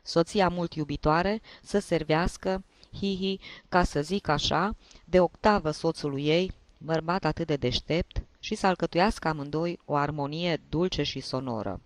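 Give me a man playing a sentimental old drunk journalist with a high, reedy tenor. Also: dry recording, close to an everyday voice. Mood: grandiloquent. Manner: rambling, grandiloquent and sentimental. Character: tipsy old male journalist giving toasts.

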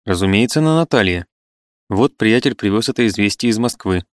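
A man's voice: lowish voice, animated, brisk, dry recording, clean studio sound, close to an everyday voice. A man reading the part of a jovial middle-aged landowner bursting with good news. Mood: joyful. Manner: loud, joyful calling out.

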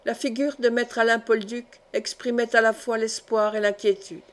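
A woman reading an audiobook of a historical novel in an even, measured way. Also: fairly high pitch. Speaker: audiobook reader.

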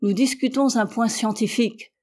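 A kindly ship's doctor, as a woman reads him aloud speaks in a reasonable, placating way. He tries to soothe a quarrel with calm words. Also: fairly high pitch, normal speed, natural voice.

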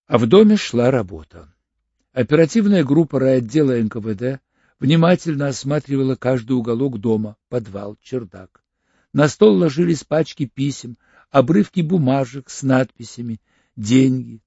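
Gravelly dark-voiced male narrator. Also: mid-range voice, no room sound. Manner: steady, even storytelling. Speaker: audiobook narrator. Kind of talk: scripted narration. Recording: dull lo-fi audiobook recording.

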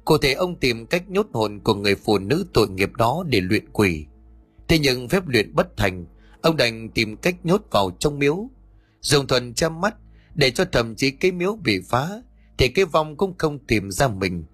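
Husky male audiobook narrator. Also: mid-range voice, measured pace, no echo, soft background music. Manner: steady storytelling. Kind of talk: scripted story narration.

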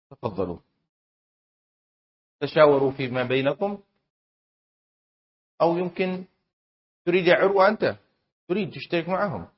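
A man teaching a class on Islamic law, quizzing students and repeating key terms slowly with emphasis. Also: fairly high pitch, slightly rough. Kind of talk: classroom lesson with student exercise. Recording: dull lo-fi classroom recording.

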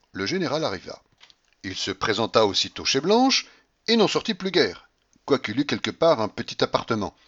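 A man giving expressive narration of a classic novel as an audiobook reader, with theatrical, emphatic phrasing. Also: mid-range voice, lo-fi sound.

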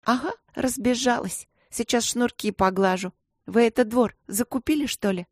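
A woman voicing a sharp-tongued, mocking schoolgirl in a storybook. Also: high voice, normal speed, dry recording, clean studio sound, pitched above the performer's own voice, natural voice. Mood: snippy. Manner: mocking, snippy.

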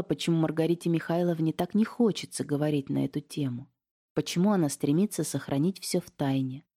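A woman narrating a detective novel as an audiobook, calm, firm and measured. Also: low voice, vocal fry.

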